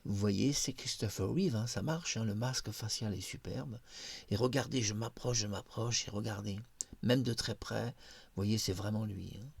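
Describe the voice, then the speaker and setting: A man talks casually to his camera, explaining and gushing with plenty of hesitant fillers. His voice sits low. The recording is close and dry, with no room sound. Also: normal speed, vocal fry, breathy edge, dry recording. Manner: enthusiastic, explanatory, many hesitations. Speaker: video creator demonstrating a face mask software. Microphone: own microphone near the face.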